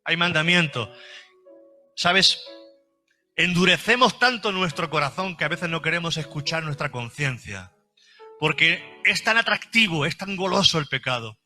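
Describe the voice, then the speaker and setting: A man's voice: on the high side, lively intonation, normal speed, pushed and bright, faint music behind. A man preaching a fervent sermon at a church service, repeating phrases for emphasis. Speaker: pastor.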